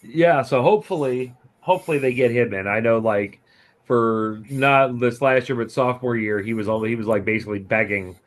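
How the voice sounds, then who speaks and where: Man, podcast guest, casual chat, relaxed, chatty. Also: medium pitch, a little fast.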